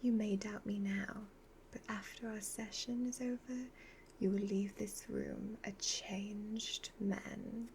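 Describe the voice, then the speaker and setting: A woman plays a sly, commanding evil witch fortune teller in a soft-spoken ASMR roleplay, half-whispering slow, measured instructions with a confident, cunning air. Her mid-range voice is flat in delivery, and a faint hiss or hum sits under the recording.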